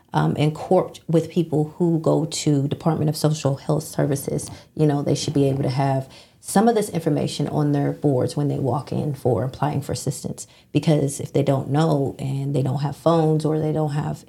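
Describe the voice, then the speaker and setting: A woman's voice: deep voice, steady tone, normal speed, vocal fry, dark tone. A woman hosting a community radio interview, chatty, asking questions and laughing easily. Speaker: radio host.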